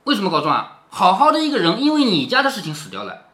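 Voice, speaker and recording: A man's voice: high-pitched, wildly swooping pitch, fast talker, bright, forceful tone. A man reading a classic novel aloud to his daughter, stopping to explain and quiz her with questions. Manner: explains and keeps asking the listener questions. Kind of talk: storytelling with commentary.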